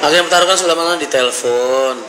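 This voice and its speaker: A fast-talking man with a voice on the high side hosts a livestream or vlog, reading out comments and chatting informally in a slangy, bantering way. The recording has a roomy echo and loud background noise.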